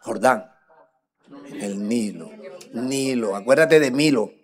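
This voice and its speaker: A middle-aged man with a Colombian accent, preaching a teaching sermon, swinging between loud emphatic lines and quiet muttered asides and joking with the congregation. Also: medium pitch, slow pace. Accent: Colombian Spanish. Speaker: pastor.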